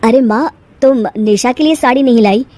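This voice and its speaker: A woman voicing a calm, patient young husband in a cartoon, in a soothing tone. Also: on the high side, moderate pace, lightly acted. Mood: gentle. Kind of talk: cartoon voice acting.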